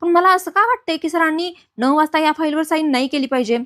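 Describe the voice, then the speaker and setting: A woman voicing a gentle, caring young woman who speaks politely. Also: high-pitched, fast talker.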